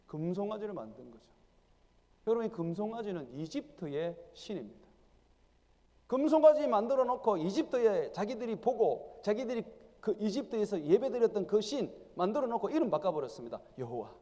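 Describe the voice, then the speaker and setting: Animated high-voiced Korean pastor preaching. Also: male voice, brisk. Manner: emphatic preaching, acting out voices of the people in prayer. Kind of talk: sermon. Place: church sanctuary. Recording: church hall with long reverb.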